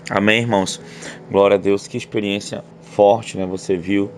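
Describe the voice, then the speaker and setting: A man's voice: fairly low pitch, little pitch movement, normal speed, darkish tone, slight background noise. A man with a Brazilian accent, an apostle giving sermon commentary in a preacherly manner, rising sharply when he quotes scripture. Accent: Brazilian Portuguese. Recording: faint music underneath.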